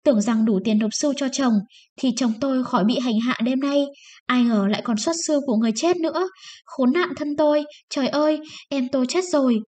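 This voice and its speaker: A woman's voice: a little high, normal speed, darkish tone, close to an everyday voice. A woman voicing a poor, desperate peasant wife who pleads and sobs, raising her voice above her reading tone. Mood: sobbing. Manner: pleading, sobbing.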